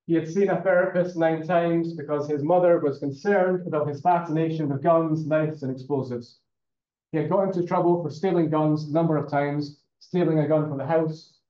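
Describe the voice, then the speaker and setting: A man's voice: a little high, dark tone. A male university lecturer giving a classroom lecture in a conversational way, often checking in with "okay?" and fillers. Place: lecture room. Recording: roomy, dull lecture-room recording.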